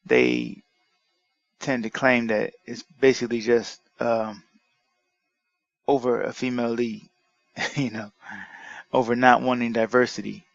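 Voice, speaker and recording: A man with a gravelly, fry-laden voice reads an article aloud and rebuts it line by line, indignant and argumentative, often breaking off to restart his sentences. The sound is dry and a little dull, close to the microphone. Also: medium pitch, expressive, a little slow, pauses often, no echo. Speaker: commentary vlogger.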